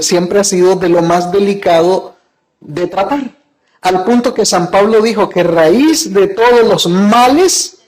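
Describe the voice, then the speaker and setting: A high-pitched man preaching as a pastor. He retells scripture in his own words and keeps asking his listeners questions, then answers them himself. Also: rough recording. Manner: asks the congregation rhetorical questions. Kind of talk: sermon.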